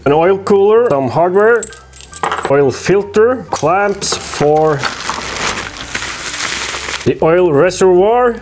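A man hosting a workshop vlog, explaining things to camera in a measured, casual way. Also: high voice, expressive, background noise. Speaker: host of a workshop build vlog. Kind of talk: casual scripted narration to camera. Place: workshop room, indoors. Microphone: lapel mic. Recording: music behind the voice.

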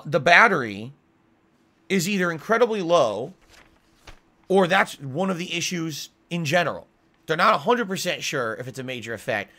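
A man's voice: fairly high pitch, bright, forceful tone. A middle-aged American man streaming a casual monologue, explaining things emphatically in an aggrieved way with frequent check-in tags. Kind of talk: casual livestream monologue to viewers. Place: small home room with acoustic foam, indoors. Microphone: desk microphone with pop filter, close.

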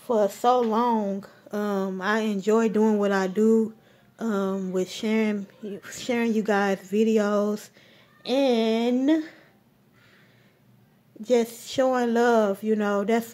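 Holding her phone camera at home, a vlogger talks loosely through her grocery haul, slow and full of ums and restarts. Her voice is mellow and dark at a middle pitch, and she rambles and gives warm shout-outs.

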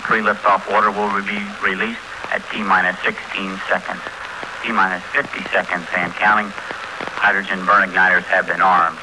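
A man giving a launch countdown in steady, clipped calls over a noisy, crackling radio feed. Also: deep voice. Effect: noisy crackling space radio feed. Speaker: launch control commentator.

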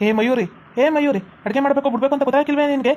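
A woman's voice: sits high, very fast, a little mellow, dull audio, slight background noise, lightly acted. A woman voicing a bossy young husband and brother who scolds his wife, with a North Karnataka Kannada accent. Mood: scolding.

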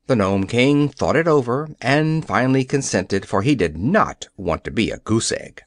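A man narrating an audiobook with expressive storytelling, recorded on a close studio mic. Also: medium pitch, normal speed, no room sound. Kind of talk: scripted narration.

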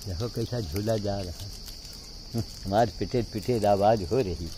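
Outdoors, a man with a lowish voice speaks a little slowly as he feeds monkeys, coaxing them with repeated calls. It's relaxed vlog chatter, and there's noise in the background.

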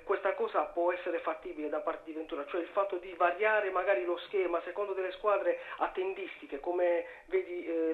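A man calling in over the phone to a sports talk show with a question, talking hesitantly with many fillers. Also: fairly high pitch. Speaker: caller. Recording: tinny phone line.

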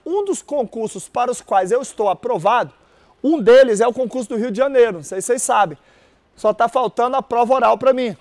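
Male teacher with a very high voice, energetic lecturer who keeps quizzing the room. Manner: energetic, repeats key words, quizzes audience. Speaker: exam prep teacher. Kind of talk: live-streamed lecture with call-and-response.

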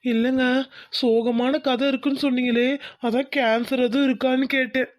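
A voice artist playing a naive, earnest young groom in a cartoon. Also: male voice, very high voice, level tone, moderate pace, no echo, studio quality. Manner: earnest and innocent. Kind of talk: Tamil cartoon dubbing.

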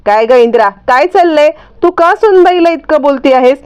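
A woman voicing a calm, kindly elderly father-in-law who soothes the family. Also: high-pitched, normal speed, lo-fi sound, voice pushed up. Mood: soothing. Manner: soothing, gentle.

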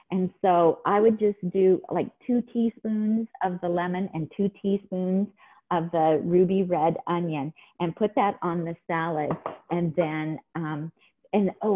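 A woman's voice: on the low side, steady tone, measured pace. A middle-aged woman chatting enthusiastically while demonstrating a salad in her home kitchen over a video call. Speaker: cooking demonstrator. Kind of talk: casual cooking demo. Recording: tinny phone-like video call audio.

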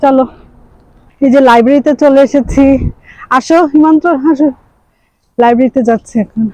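A woman's voice: high-pitched, steady tone, brisk, mellow, no echo, low-quality recording. A young woman from Bangladesh gives chatty running commentary for her daily vlog, slipping English words into her speech as she films on a handheld phone. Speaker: vlogger and mother. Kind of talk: casual daily vlog narration. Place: outdoors in winter and inside a library.

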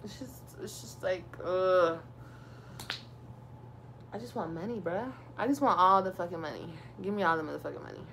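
A woman's voice: fairly low pitch, a bit bright, a little hiss or hum. A young woman venting a profane, sarcastic story to her live stream viewers.

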